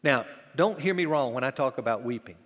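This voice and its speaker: A male pastor preaching a sermon, dramatic in delivery, rising loud and falling to a hush. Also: mid-range voice, animated, brisk, long reverb tail.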